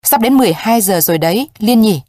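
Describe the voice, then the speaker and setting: A woman reading the part of a weary young woman who speaks softly, choked with emotion. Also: mid-range voice, animated, fast talker, no room sound, studio quality, lightly acted. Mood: sad.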